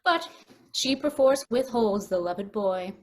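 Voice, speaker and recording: A woman's voice: medium pitch, lively intonation, takes it slowly. A woman playing a mischievous, gossiping fairy sprite in theatrical Shakespearean stage style. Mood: warning, gossipy.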